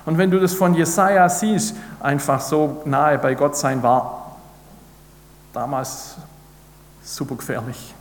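A man's voice: on the high side, fairly even intonation, slow, long pauses. A man preaching a sermon, earnest and building to emphatic repeated declarations. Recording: echoey hall with long reverb.

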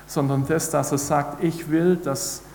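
A man's voice: fairly high pitch, fairly even intonation, unhurried, creaky, a little mellow, a little hiss or hum. A man preaching a sermon, earnest and building to emphatic repeated declarations. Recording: echoey hall with long reverb.

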